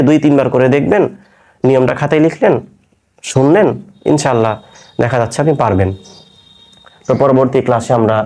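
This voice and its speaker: Male teacher, mid-pitched, patient, drills letters slowly and repeats them for an online Quran class. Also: mellow. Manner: asks students questions and answers them himself. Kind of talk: online lesson.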